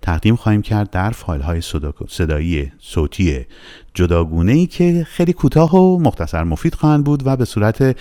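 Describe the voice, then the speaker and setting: Low-voiced guy teaching letters, playful, voice bounces up and down a lot, says sounds over slowly. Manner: playful, animated, repeats sounds slowly for practice. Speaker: Russian language teacher. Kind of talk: casual spoken lesson.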